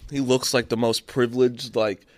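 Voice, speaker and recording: A young man spins a long, rambling story in a casual chat, swearing as he goes. His voice is mid-pitched and ordinary. The sound is dry and close, with no room around it. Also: flat delivery, normal speed, no room sound. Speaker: podcast host.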